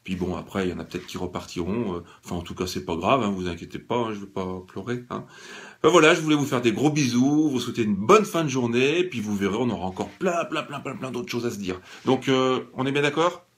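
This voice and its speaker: Man, vlogger, ironic, halting speech full of fillers, mid-range voice. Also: mid-range voice, lively intonation. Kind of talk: casual satirical monologue.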